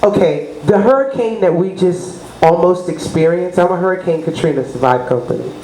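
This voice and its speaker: Warm in tone and on the low side, a middle-aged woman from New Orleans speaks at a moderate pace as an interview guest selling her consulting services. She drifts between points, name-dropping and offering religious asides, in an echoey room with faint background noise.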